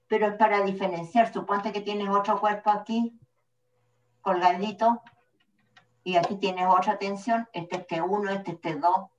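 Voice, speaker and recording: A woman with a Chilean accent, teaching physics step by step to a class. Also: medium pitch. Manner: patient, step-by-step explaining. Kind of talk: classroom lecture at the board. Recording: echoey room, distant mic, dull sound.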